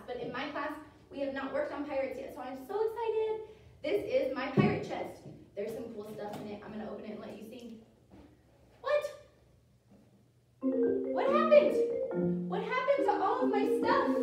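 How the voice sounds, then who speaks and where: Ballet cues for small children come from a high-voiced American woman, animated and encouraging in a sing-song manner, at normal speed with long pauses. A camera several metres away records her in a very reverberant wooden-floored studio, with music in the background.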